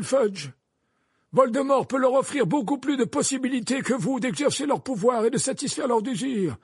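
A man reading an audiobook, voicing an old male wizard headmaster who speaks gravely and insistently. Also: very high-pitched, no room sound, clean studio sound, pitched above the performer's own voice, full character voice. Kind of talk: audiobook character voice.

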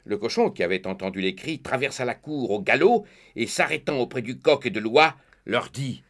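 A man narrating a children's storybook tale in a lively, expressive reading. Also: medium pitch, moderate pace. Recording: faint background music.

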